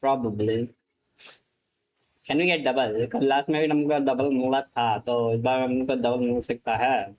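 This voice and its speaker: A young male game streamer from India with an Indian English accent, reacting out loud to his pulls. He mixes Hindi and English freely, curses when he gets excited, and talks at a slow, drawn-out pace. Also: medium pitch, rough recording. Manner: excitable, swears, switches between Hindi and English mid-sentence. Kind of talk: live gaming stream commentary.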